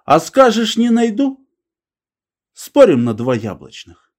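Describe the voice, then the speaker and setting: A man's voice: high voice, huge pitch swings, a little mellow, voice pushed up, exaggerated voice. A man putting on a cranky, raised-voice old grandpa. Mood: challenging. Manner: cranky, bossy, quick to give advice. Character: grumbling old village man, argumentative.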